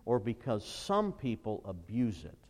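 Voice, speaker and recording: A middle-aged man preaching a sermon as pastor, emphatic, rising to loud bursts and reading scripture aloud. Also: fairly low pitch, very animated, a little slow. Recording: long reverb of a large church hall.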